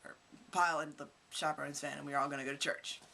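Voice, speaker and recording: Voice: mid-range voice, flat delivery, racing, gravelly, bright, forceful tone. A teenage vlogger from Kentucky telling rambling stories to camera in a casual, chatty way. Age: teens. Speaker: vlogger, high school student.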